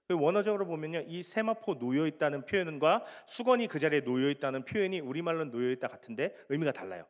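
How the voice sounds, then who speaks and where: A male pastor preaching a sermon to a young congregation, asking them questions and acting out the scripture scenes. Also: fairly high pitch. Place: church sanctuary. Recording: long hall reverb.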